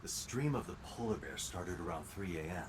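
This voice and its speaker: A man's voice: low voice, lively intonation, moderate pace, noisy background. An actor playing a dry, wisecracking male police detective in a video game. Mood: businesslike. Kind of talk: English video game voice acting.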